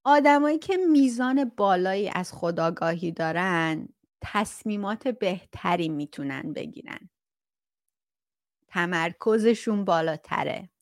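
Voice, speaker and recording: A woman with an expressive, mid-range voice chats casually with her viewers about self-awareness, reading out their comments, laughing often and doing mock-strict imitations. The audio is studio quality with no echo.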